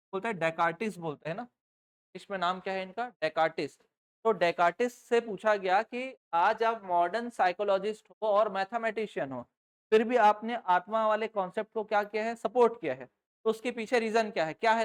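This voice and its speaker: A woman teaching a live class in a middle-pitched voice, keeping her students engaged by asking questions and answering them herself. She slows down to dictate notes, spelling out each phrase for the class to copy down. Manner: slowly dictates notes, word by word. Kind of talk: live online class lecture.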